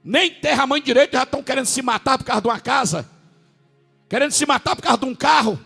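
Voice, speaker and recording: A man preaching with a northern Brazilian accent, his voice very high and gravelly with a husky edge. He swings from drawn-out words to sudden shouts over faint music in the church. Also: long reverb tail. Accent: Brazilian Portuguese, northern. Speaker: pastor. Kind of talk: sermon.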